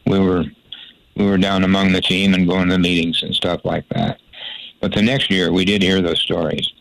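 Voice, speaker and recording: A man's voice: sits low, little pitch movement, normal speed, creaky, a bit bright, rough recording. An older man, a former sports broadcaster, telling rambling folksy anecdotes in an interview, with frequent restarts. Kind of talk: storytelling interview.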